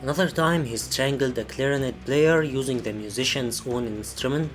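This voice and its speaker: A man reading scripted video essay narration in a serious, measured storytelling manner. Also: mid-range voice, music in the background.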